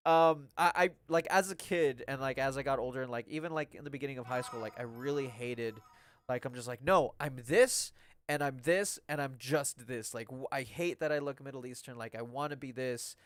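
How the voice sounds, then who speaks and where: A man's voice: mid-range voice, brisk, clean tone, no echo. A young man casually chatting on a live game stream, rambling with lots of "like" and "um". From Mexican-American. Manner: rambling and chatty, full of "like" and "um", laughing often.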